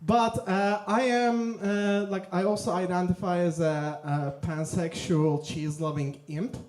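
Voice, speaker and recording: On an echoey theater stage, a Turkish stand-up comedian with a high-pitched male voice and a Turkish accent tells deadpan jokes, halting often and leaning on fillers.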